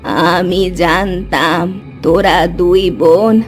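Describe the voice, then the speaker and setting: A woman voicing a slow, wise old woman of the forest. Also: fairly low pitch, fairly even intonation, soft background music, pitched below the performer's own voice. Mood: calm. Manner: slow, measured.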